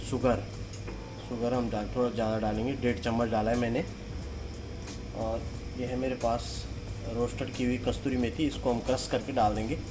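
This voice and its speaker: A man's voice: medium pitch, noisy background. A man, a chef, explaining a recipe step by step in a kitchen cooking demonstration.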